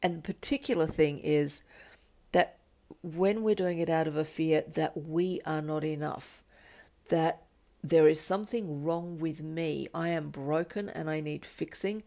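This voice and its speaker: A woman's voice: low-pitched, gravelly, warm tone. A woman hosting her own podcast, talking through ideas on personal change, often repeating words as she searches for the next one. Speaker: podcast host, coach. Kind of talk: solo talk on personal change.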